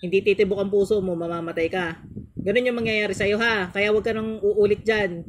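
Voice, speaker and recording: A man working as a faith healer, who chants ritual prayers slowly and scolds in a stern, commanding way. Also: high voice, steady tone, a little hiss or hum. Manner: chanting in slow, drawn-out formulas. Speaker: faith healer performing an exorcism.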